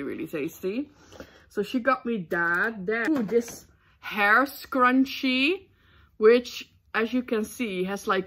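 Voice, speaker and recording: A young woman from the Netherlands telling a casual storytime, excitable and giggly with lots of ums. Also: medium pitch. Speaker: booktube vlogger.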